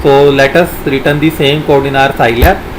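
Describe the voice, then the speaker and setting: A man narrating a software tutorial as an instructor, haltingly dictating code and formulas piece by piece. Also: mid-range voice, little pitch movement, slight background noise, poor audio.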